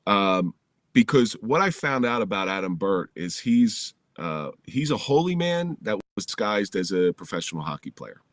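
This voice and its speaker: Low-voiced middle-aged storyteller, man. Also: moderate pace, no room sound. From New Jersey. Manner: candid, lively storyteller with frequent restarts. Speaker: podcast guest. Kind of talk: personal storytelling in conversation. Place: home basement.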